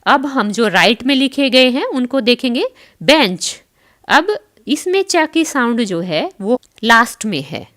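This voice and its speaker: A woman teacher giving an online school English lesson. She spells out words letter by letter, pronounces each one carefully, and reads English lines slowly before explaining them in Hindi to the children. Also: fairly high pitch, big pitch swings, fairly bright tone. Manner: addresses her pupils as children.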